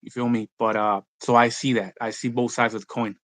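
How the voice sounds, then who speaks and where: A man's voice: mid-range voice, level tone, fairly quick, fairly bright tone. A Mexican-born man who grew up in California, speaking, talks casually as a rap artist guest, full of slang and restarts. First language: Spanish. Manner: laid-back slang-heavy talk, many restarts. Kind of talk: casual interview chat.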